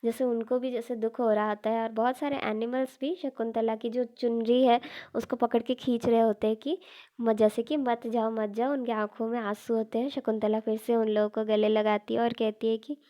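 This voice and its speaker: A woman's voice: fairly high pitch, flat delivery, normal speed, warm tone. A woman retelling a classic play in a casual, explanatory storytelling manner, dropping in English words.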